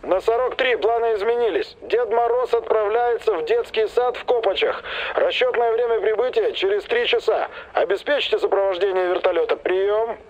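A curt dispatcher over a military radio. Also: male voice, high voice, moderate pace. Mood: crisp orders. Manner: clipped radio protocol speech. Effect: military radio transmission. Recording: tinny distant radio channel.

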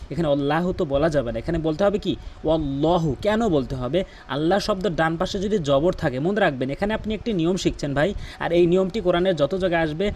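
A man teaching Quran pronunciation in a patient way, repeating words slowly so the viewer can copy them. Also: fairly high pitch, darkish tone, a little hiss or hum. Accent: Bangladeshi Bengali.

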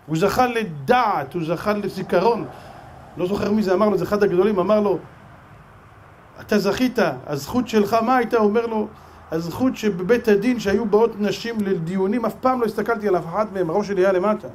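A man with a high voice and an Israeli Hebrew accent, a rabbi, delivers a sermon packed with stories, animatedly acting out the dialogue. There is slight background noise.

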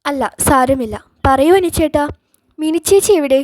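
A woman's voice: sits high, moderate pace, darkish tone, dry recording, clean studio sound, close to an everyday voice. A woman voicing a heartbroken young woman who needles and reproaches her sister in a storybook reading. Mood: insistent.

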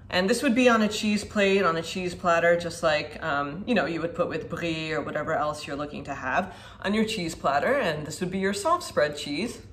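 A woman in her thirties reviewing food in a home kitchen, talking in a chatty, upbeat way while she demonstrates, recorded by a camera a few feet away. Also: fairly low pitch. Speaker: food vlogger. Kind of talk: casual product review. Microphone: camera at a distance, standing at a counter. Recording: echoey kitchen with faint ambience.

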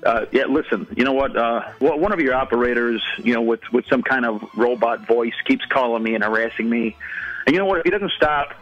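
A man's voice: mid-range voice, a little fast, fairly bright tone, soft background music. A man on a phone call who stammers and repeats himself, growing more and more exasperated. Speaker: prank call victim.

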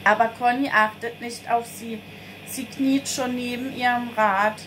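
Female storyteller, high-ish voice, unhurried, noisy recording. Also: fairly even intonation. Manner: slow, careful read-aloud delivery. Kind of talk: scripted narration of a children's story.

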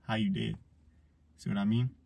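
A man's voice: on the low side, steady tone, moderate pace, gravelly, darkish tone. A man hosting a vlog, teasing and rambling jokily through a blindfolded date skit. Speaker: vlog host.

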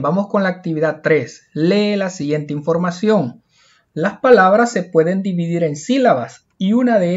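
On a dull lo-fi recording, a high-pitched male teacher walks through a lesson. He answers the questions he asks, and he slows his delivery to spell out example words one at a time.

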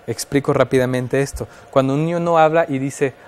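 A man's voice: mid-range voice, fairly even intonation, a little fast, darkish tone. A man with a Mexican Spanish accent, talking as an expert guest on a radio show and explaining child development in a thoughtful way, with fillers and restarts.

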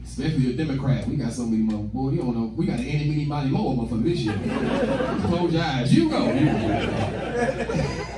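Captured from a far-off camera in a small indoor club, this young American comic works a handheld mic, his medium-pitched voice brisk and lively as he riffs in slangy, profane, conversational style and acts out dialogue. The recording is echoey and distant, with loud crowd noise, laughter and room sound throughout.

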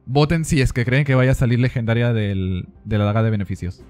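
A man streaming a game in casual chat, excitable, laughing often and repeating phrases. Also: medium pitch, fairly quick, faint music behind.

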